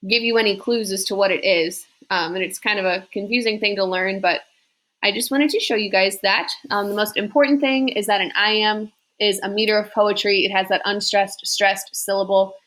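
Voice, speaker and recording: A young adult woman teaching a casual lesson, reading verse slowly and explaining it in a chatty way full of fillers. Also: medium pitch, fairly bright tone. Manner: slow, deliberate reading of verse.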